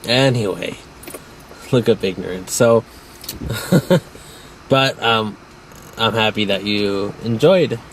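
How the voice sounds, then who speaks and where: An easygoing man leads a casual film chat and teases his co-host along the way. His voice is fairly low, and a faint background noise sits under it. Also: takes it slowly, pauses often, far from the mic, low-quality recording. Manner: easygoing, teasing. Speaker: movie reviewer, asks questions.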